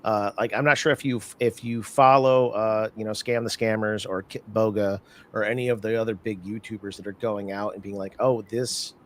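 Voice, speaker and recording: A man hosting an interview in casual chat, animated and talkative, acting out other people's lines as he tells stories. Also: on the low side. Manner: animated storyteller, acts out scammers' lines in quick bursts. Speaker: podcast host.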